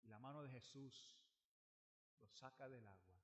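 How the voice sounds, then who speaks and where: A man preaching a sermon, retelling a Bible story dramatically, swinging from loud emphasis to hushed lines and repeating phrases for weight. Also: medium pitch, unhurried.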